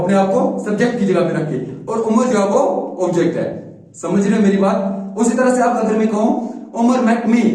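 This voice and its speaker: A man teaches an English grammar lesson to schoolchildren, with a fairly high but mellow voice. He goes slowly and keeps checking that the class follows him. He sounds set back from the mic in a strongly echoing room. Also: recorded from a distance. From Kashmir, India. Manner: explains slowly, keeps asking if students understand.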